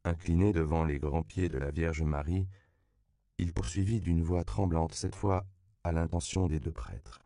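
A man reading a novel aloud as a narrator, at a measured, even pace. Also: sits low, clear, resonant tone, dry recording, studio quality. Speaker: audiobook narrator. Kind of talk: scripted narration.

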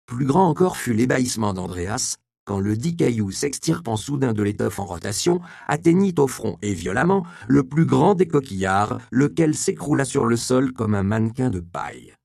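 A man narrating an audiobook in an expressive storytelling manner. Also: mid-range voice, normal speed, gravelly, few pauses, no room sound, clean studio sound.

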